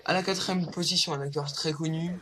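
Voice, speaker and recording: Hosting a laid-back countdown vlog, this young man speaks a little fast in a steady, higher-pitched tone. His talk is hesitant, packed with fillers and rambling side comments, and the audio comes from a low-quality home setup.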